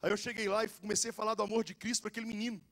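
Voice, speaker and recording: A young adult man, a pastor with a Goiás accent, preaching a lively sermon full of jokes, stories and casual slang. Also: high voice, racing. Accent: Goiás Brazilian Portuguese. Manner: animated and joking, with casual slang.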